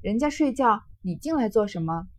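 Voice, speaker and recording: A woman's voice: on the high side, animated, moderate pace, a little mellow. A woman reading the lines of a proud, sensitive young noblewoman from a classic novel. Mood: coy.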